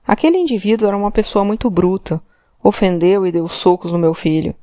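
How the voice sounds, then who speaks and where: A woman's voice: medium pitch, a little fast, warm tone, dry recording, clean studio sound, close to an everyday voice. A woman reading an audiobook, voicing an old immigrant father who answers in short, hesitant words. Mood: subdued. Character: old Portuguese immigrant father, ashamed, timid. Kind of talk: audiobook character voice.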